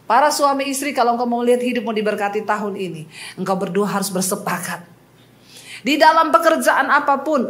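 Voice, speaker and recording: Woman pastor with a high voice, preaching at a church service, lively storyteller with a humorous touch. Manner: lively personal storytelling with humor, addressing the congregation directly. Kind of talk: sermon. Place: church service before a congregation.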